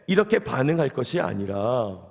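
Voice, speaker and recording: A man's voice: mid-range voice, sing-song, normal speed, vocal fry, in a large hall. A man preaching a dawn prayer sermon in a conversational way, often putting questions to the congregation. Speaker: pastor. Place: church sanctuary.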